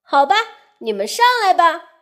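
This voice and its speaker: A swaggering flying fish chief from a storybook, played by a woman telling the tale, booming out his lines fast and loud with bouncy, lively pitch. He brags with every line. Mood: proud. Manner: loud, quick, boastful. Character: proud boastful flying fish leader, male.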